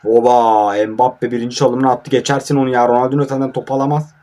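A man's voice: medium pitch, level tone, fairly quick, warm tone. A young man talks over his own football game at night with a mid-range voice. He sounds sleepy and grumbles through the play, flaring up in irritation at his own players. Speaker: mobile football gamer. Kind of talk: casual live gameplay commentary. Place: at home at night.

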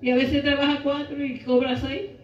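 A middle-aged woman preaching a sermon into a handheld mic in a small church hall, impassioned, rising into shouts and half-sung lines. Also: sits high, level tone, moderate pace, a little hiss or hum. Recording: echoey room, camera far off, dull sound.

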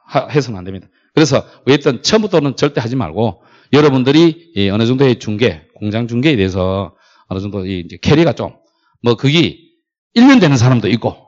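A middle-aged man lecturing on factory brokerage, telling stories and acting out quoted lines. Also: medium pitch. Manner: animated storytelling, acts out quoted dialogue. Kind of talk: classroom lecture with anecdotes. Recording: dull lo-fi lecture recording.

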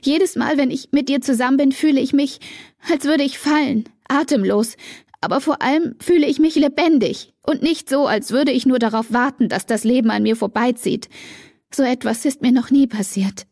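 A woman's voice: on the high side, moderate pace, mellow, breathy edge, no echo, studio quality. A woman voicing an emotional teenage girl, tearful and torn, her voice rising and breaking.

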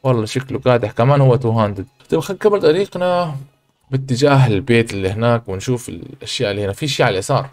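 A man, hosting a gaming channel, chatting through his gameplay and breaking into excited exclamations. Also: medium pitch, rapid-fire. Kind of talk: let's play commentary.

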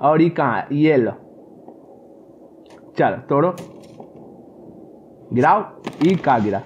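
A man's voice: on the high side, animated, slow pace, a little mellow, muffled recording, a little hiss or hum. A man doing comic horror gameplay commentary, yelping and repeating words in panic and talking back to the game characters. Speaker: gaming commentator.

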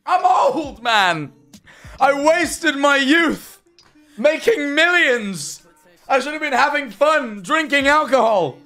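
This young adult man has a very high voice and speaks slowly over soft background music. On his livestream he reads chat messages aloud and reacts, animated, sarcastic and swearing often, from a desk in a small bedroom streaming room using a headset-style studio mic.

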